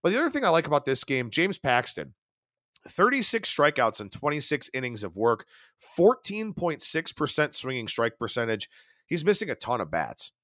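Animated man rattling off baseball stats. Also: mid-range voice, no room sound, studio quality. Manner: rapid stat-heavy delivery, animated. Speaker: sports betting analyst. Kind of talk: solo podcast analysis.

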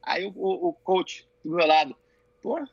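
A middle-aged Brazilian man, a jiu-jitsu coach and father, telling animated stories in casual chat, swearing freely and restarting his phrases. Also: high-pitched, normal speed, gravelly, lo-fi sound, a little hiss or hum.

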